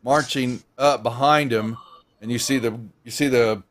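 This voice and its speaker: A middle-aged man narrating a tabletop game as game master in a casual, halting, conversational way. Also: medium pitch, steady tone.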